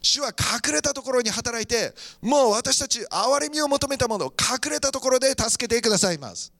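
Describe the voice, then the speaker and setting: A male pastor delivers a sermon with high, ringing brightness. His voice is fervent, and he moves between teaching and prayer. The sound is close and dry, with no room around it. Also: expressive, normal speed, no echo. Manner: fervent, moves between preaching and praying aloud.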